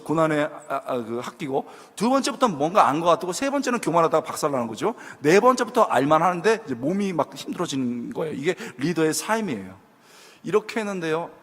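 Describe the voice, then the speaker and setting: A man giving a sermon to a young adults' group, telling stories and acting out the voices of the people in them. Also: a little high. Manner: animated storytelling, acting out quoted voices. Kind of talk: sermon with storytelling. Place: church hall. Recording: long hall reverb.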